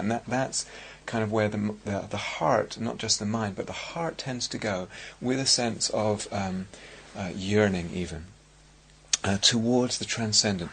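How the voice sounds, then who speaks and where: A middle-aged man with an English accent giving a dharma talk as a meditation teacher, speaking in a reflective, halting way with many restarts. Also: on the low side, gravelly, fairly bright tone, a little hiss or hum. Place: meditation hall at a retreat centre.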